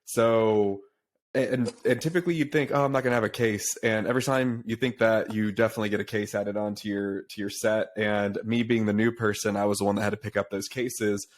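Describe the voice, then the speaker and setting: A young man chatting casually as a podcast host over a remote call. His voice is low and fairly flat in pitch, and he talks in a relaxed, chatty way, with frequent fillers. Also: brisk. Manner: relaxed, chatty, says "dude" and "uh" often. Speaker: podcast host, pharma sales rep.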